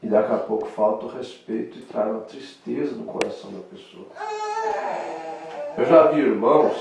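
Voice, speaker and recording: A man with a southern Brazilian accent preaching in Sunday school, animated, swinging between loud emphasis and soft asides. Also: medium pitch, moderate pace, gravelly, recorded from a distance, highs cut off, over loud music. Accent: southern Brazilian Portuguese. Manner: acts out quoted dialogue in lively voices. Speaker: pastor. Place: church hall. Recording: echoey church hall, mic from afar.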